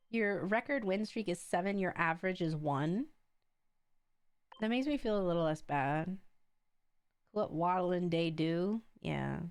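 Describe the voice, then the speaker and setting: A woman livestream host chatting casually with viewers in a playful, campy, slangy and very expressive way. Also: mid-range voice. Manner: expressive, exclaiming and drawing out words. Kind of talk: casual livestream chat while opening card packs.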